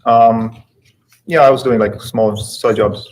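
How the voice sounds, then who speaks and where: A man in his forties from Poland with a Polish accent, giving quiet, hesitant testimony as a witness in a courtroom. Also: mid-range voice, steady tone, slow pace, low-quality recording. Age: 40s. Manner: quiet, hesitant, short answers.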